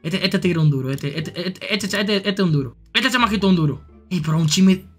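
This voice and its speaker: A young man with a Dominican accent, live-streaming and reacting to chat messages, repeating phrases and jumping into high shouts. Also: over music. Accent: Dominican Spanish. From Dominican Republic. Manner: excitable, jumps to high shouts and back; repeats phrases in quick bursts.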